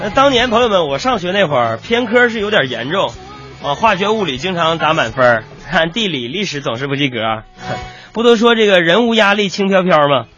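Animated man telling jokes on radio. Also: sits high, brisk, highs cut off, soft background music. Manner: animated, acts out quoted voices, laughs often. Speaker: radio comedy host.

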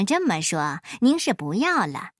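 A woman voicing a clever, mischievous folk hero who teases in a calm, sly way in a storybook reading. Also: mid-range voice, measured pace, no echo, clean studio sound, pitched below the performer's own voice. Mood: sly teasing.

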